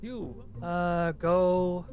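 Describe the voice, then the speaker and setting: A man's voice: high voice, steady tone, drawn-out words, phone-quality sound, faint music behind. A man streaming a game with a co-host, casually talking himself through each step and swearing now and then. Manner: narrates each step under his breath, easygoing and swearing.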